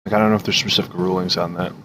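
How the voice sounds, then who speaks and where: A man's voice: sits low, level tone, racing, bright, forceful tone, slight background noise. A man narrating a tabletop game as dungeon master in a casual, laughing way.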